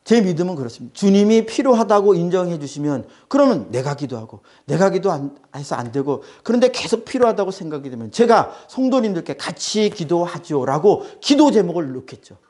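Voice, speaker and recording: A man's voice: high-pitched, big pitch swings, brisk, hardly any pauses, dark tone. A male pastor preaching a sermon, emphatic and repeating his phrases.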